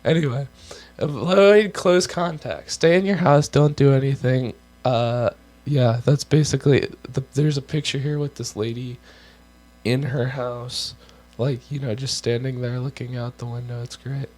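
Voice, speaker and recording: This young US co-host, losing his voice, reads health guidelines on a casual show and throws in offhand jokes. His medium-pitched, darkish voice stays fairly even in intonation and moves a bit slowly.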